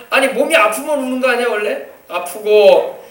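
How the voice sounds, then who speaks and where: A pastor with a South Jeolla accent giving a children's sermon, asking the children questions and waiting for their answers. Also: male voice, extremely high pitch, unhurried, fairly bright tone. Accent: Korean, South Jeolla (Yeosu). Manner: asks the children questions and waits for replies. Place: church sanctuary. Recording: echoey church hall, voice from far off.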